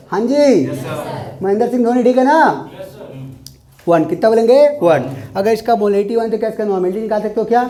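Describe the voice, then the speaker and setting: A man teaching chemistry in a classroom, quizzing his students call-and-response questions in an animated way. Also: high-pitched. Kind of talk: classroom lecture.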